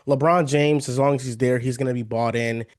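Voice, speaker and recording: A young man co-hosting a casual sports podcast, laying out his picks in a measured, hedging way. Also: mid-range voice, steady tone. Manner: measured, hedging takes with fillers. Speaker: podcast co-host.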